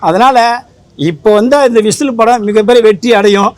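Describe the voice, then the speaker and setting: A man who leads a film association, talking fast and with emphasis at a press interview, rambling and repeating himself. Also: high voice, darkish tone, no room sound.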